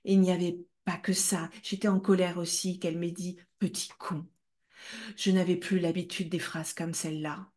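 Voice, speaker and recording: A woman's voice: lowish voice, level tone, a little fast, few pauses, a little mellow. A woman hosting a book club, reading a novel aloud with dramatic, emotionally charged delivery.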